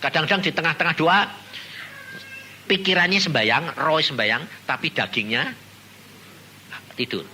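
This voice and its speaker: Javanese-accented male pastor, animated sermon storyteller, very bright edgy voice. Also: a little high, normal speed, long pauses, a little hiss or hum. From Indonesia. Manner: animated storytelling, acts out voices, rhetorical questions to the congregation. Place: church.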